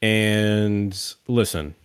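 A man's voice: drawn-out words, clear, resonant tone. A man from Canada co-hosting a sports podcast in casual chat, also reading ad spots. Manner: conversational, reads ads in an upbeat pitch voice. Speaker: podcast co-host.

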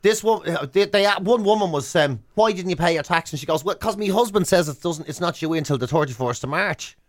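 His pitch high and his delivery brisk, the Irish-accented host keeps the studio chat casual. He's an animated raconteur, relating comic anecdotes and performing both voices in the exchanges.

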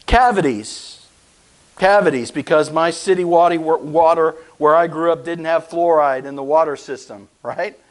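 A man's voice: fairly high pitch, little pitch movement, normal speed, few pauses, poor audio. A man preaching a conversational sermon, often asking his listeners rhetorical questions. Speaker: pastor.

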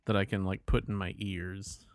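A man's voice: deep voice, level tone, normal speed, dry recording, clean studio sound. A man taking part as a player in a tabletop game, chatting casually and joking. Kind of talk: casual chat.

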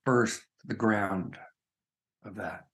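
A man's voice: lowish voice, very slow, fairly bright tone. A man speaking as a spiritual teacher in an interview, earnest and emphatic, often checking in with "right?". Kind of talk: reflective conversation.

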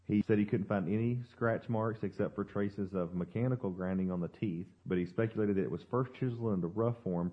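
A man co-hosting a podcast, explaining things in a casual, rambling conversational way. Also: sits low. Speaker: podcast co-host. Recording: slightly dull lo-fi podcast audio.

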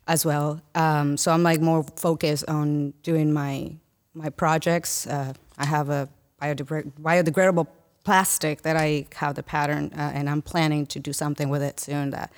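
A woman's voice: low voice, flat delivery, moderate pace. A woman from the Dominican Republic, a guest on a podcast, talking casually with many fillers and restarts. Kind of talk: casual conversation.

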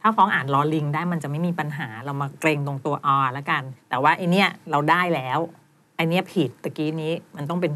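A woman with a Thai accent coaching students one on one in pronunciation, brisk and corrective, with some teasing. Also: low-pitched, fairly bright tone. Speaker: pronunciation teacher.

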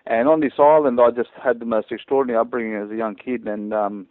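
A man's voice: mid-range voice, steady tone, fast talker, no echo. A man from Croatia, a guest on a hunting podcast, telling stories in a rambling, hesitant way. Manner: rambling, hesitant, chuckling storyteller. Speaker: guest hunter. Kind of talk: casual interview storytelling. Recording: tinny phone-line call.

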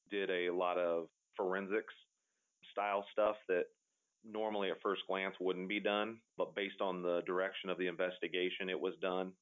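A male police detective gives unscripted interview answers in a guarded, official manner. His voice is low and very monotone. The recording is muffled and narrow, like a phone line. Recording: muffled, band-limited interview audio.

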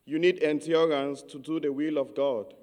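A man from Cameroon giving a measured, earnest homily as a priest. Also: fairly high pitch, steady tone, a little mellow, long reverb tail.

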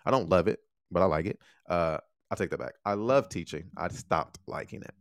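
A young man hosting his own podcast, talking straight to his listeners in a casual, animated monologue full of questions. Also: low voice, moderate pace, no room sound, studio quality. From United States. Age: young adult. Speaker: podcast host.

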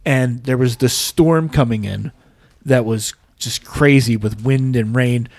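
In a podcast studio, a male co-host tells long, self-mocking anecdotes in a casual, chatty style. His mid-range voice is unhurried and darkish in tone. The podcast mic picks him up with no echo.

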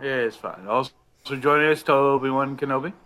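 Bright-voiced joking male podcast host. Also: medium pitch, fairly quick. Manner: joking, rambling, with many fillers. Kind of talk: casual chat. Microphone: online call microphone.

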